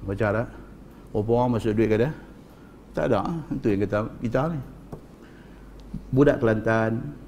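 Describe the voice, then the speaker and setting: A male preacher with a northern Malay accent giving a religious lecture, telling stories in an animated way, addressing the audience and repeating for emphasis. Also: on the low side, gravelly, a little hiss or hum. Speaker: Islamic preacher.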